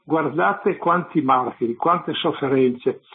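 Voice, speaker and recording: A man's voice: a little high, slow pace, breathy edge. A man, a parish priest, preaching and scolding listeners on a religious radio show. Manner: exhorting, scolding, addresses listeners directly. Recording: narrow phone-like radio sound.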